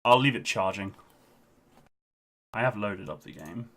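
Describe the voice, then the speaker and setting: A man's voice: on the low side, animated, measured pace, a bit bright. A man doing casual live-stream game commentary into a headset, out of breath and chatty, with frequent ums.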